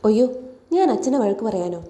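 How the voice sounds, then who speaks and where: A woman voicing a soft caring young sister. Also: medium pitch, very animated, brisk, reverberant, natural voice. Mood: tender.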